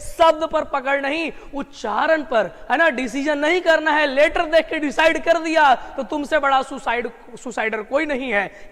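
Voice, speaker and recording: A man teaching English grammar online. He drills his students with repeated questions, slows down to stress key terms and breaks into emphatic bursts. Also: very high-pitched, long reverb tail. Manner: lively with sudden emphatic outbursts.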